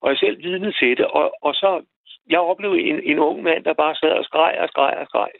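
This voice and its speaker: A man calling in to a radio show, telling a personal story in a halting way, repeating words as he goes. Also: a little high, creaky, slight background noise. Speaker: radio caller. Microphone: telephone. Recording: tinny phone line, dry.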